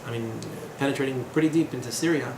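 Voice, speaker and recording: In a small room that sounds echoey and noisy, a thirtysomething man gives a casual lecture, wandering into asides, using fillers and cracking sardonic jokes. He talks quickly in a medium-pitched voice.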